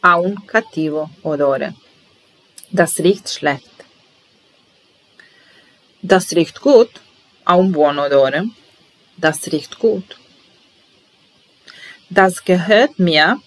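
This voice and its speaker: Slow, patient woman teaching language. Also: fairly low pitch, rough recording. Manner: patient, measured, enunciating each phrase slowly. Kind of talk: slow bilingual lesson, repeating phrases.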